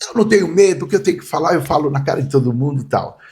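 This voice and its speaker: A man voicing a troubled woman in her thirties in a retold story, raising and hushing his voice for her words. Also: expressive, very fast, creaky. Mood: retold quotes. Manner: raised, hushed pitch for quoted speech.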